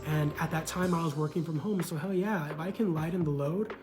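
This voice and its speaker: A man's voice: a little high, steady tone, a little fast, over music. A man talking earnestly about his failed marriage, with a lot of "you know" and repeated words. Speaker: man recounting his divorce. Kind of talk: casual reflective monologue.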